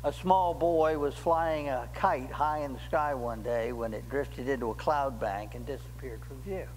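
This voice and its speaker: An older man preaching a sermon as pastor in a church, slow and deliberate, rising emphatically on key words, recorded at a pulpit microphone. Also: mid-range voice, a little mellow, long reverb tail, a little hiss or hum, low-quality recording. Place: church sanctuary.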